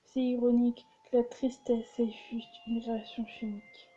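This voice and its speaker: A woman voicing a blunt, supportive teenage girl best friend in a story game, reading the lines flatly. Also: a little high, normal speed, lo-fi sound, close to an everyday voice.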